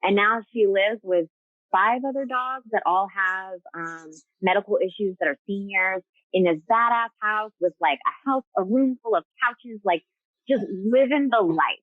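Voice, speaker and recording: A woman co-founder of a rescue is a guest on a casual video-call interview, speaking earnestly with lots of fillers and restarts. Her voice is mid-range and her pace moderate, with no room sound, and the call audio is tinny and phone-like.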